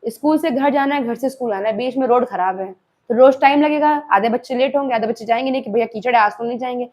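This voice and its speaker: Young indian woman teacher, chatty class lecture, slightly high voice, keeps asking students if they follow. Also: fast talker. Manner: conversational, keeps checking in with students, animated. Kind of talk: classroom lecture mixing Hindi and English.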